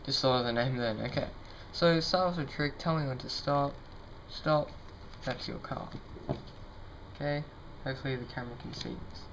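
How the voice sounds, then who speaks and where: A man's voice: medium pitch, fairly quick, vocal fry. Casual, tentative young man, noisy recording. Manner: informal, tentative, self-deprecating. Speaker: amateur card magician presenting a trick. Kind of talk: casual demonstration to camera. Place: indoors at a table. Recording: noisy home recording, card shuffling sounds.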